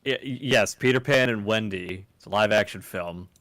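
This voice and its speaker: A man's voice: fairly low pitch, normal speed, fairly bright tone, no room sound. Man, casual gaming chat, opinionated, dry recording. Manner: talkative, opinionated movie buff.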